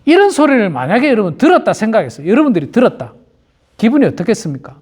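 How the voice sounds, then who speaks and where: Lively man preaching a dawn sermon. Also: high-pitched, rapid-fire, breathy edge. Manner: repeats key phrases and often addresses the congregation directly; acts out quoted churchgoers in little voices. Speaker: pastor. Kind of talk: early-morning prayer sermon.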